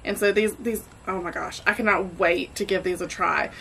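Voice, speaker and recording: A woman's voice: mid-range voice, fairly even intonation, normal speed, creaky, fairly bright tone, breathy edge, poor audio. A woman hosting a casual cooking vlog from her home kitchen, chatty and enthusiastic. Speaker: barbecue cooking host.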